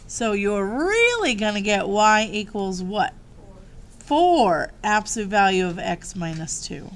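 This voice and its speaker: A woman teaching a math lesson, upbeat and walking the class through each step. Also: medium pitch.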